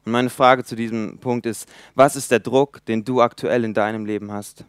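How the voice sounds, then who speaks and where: A man in his twenties preaching a sermon in a church, emphatic, swinging between loud appeals and quiet asides. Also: medium pitch, steady tone, normal speed, clean tone, no echo, studio quality. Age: 20s.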